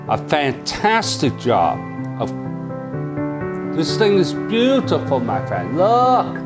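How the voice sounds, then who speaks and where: A man reviewing a kitchen oven in a home kitchen, chatting excitedly with viewers. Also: mid-range voice. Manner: exuberant, chatty, calls viewers "my friends" and "baby". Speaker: cooking appliance reviewer. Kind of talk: casual cooking review.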